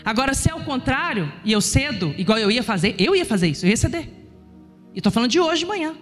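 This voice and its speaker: A woman's voice: fairly high pitch, quick pace, in a large hall, faint music behind. A middle-aged woman preacher telling a chatty family story in her sermon. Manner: animated, chatty anecdotes.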